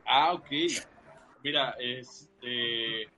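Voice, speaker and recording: A man's voice: mid-range voice, steady tone, drawn-out words, pushed and bright, muffled recording, slight background noise. A man from Veracruz with a Veracruz Mexican accent, laid-back and slangy in casual chat. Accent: Veracruz Mexican Spanish.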